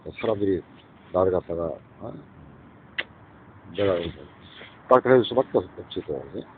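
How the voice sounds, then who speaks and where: Low-voiced rambling man, tinny phone sound. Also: expressive, moderate pace. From Gyeongsang region, South Korea. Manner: rambling, keeps asking "eh?" and mixes in English phrases. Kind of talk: rambling monologue to camera. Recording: tinny phone-like sound with faint street noise.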